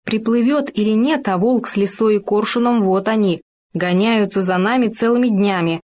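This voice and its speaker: A woman voicing an excitable young male gopher who loves making discoveries, in a children's storybook reading. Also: mid-range voice, normal speed, close to an everyday voice. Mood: eager. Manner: eager, insistent, breathless with enthusiasm.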